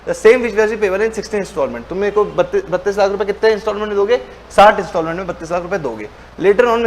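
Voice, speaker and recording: A man teaching a commerce class, speaking casually and mixing English terms into his speech. He acts out both sides of the lesson, switching his pitch to play the student's questions and then answering them himself. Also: a little hiss or hum. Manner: colloquial, mixes Hindi with English terms. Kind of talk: lecture with role-played dialogue.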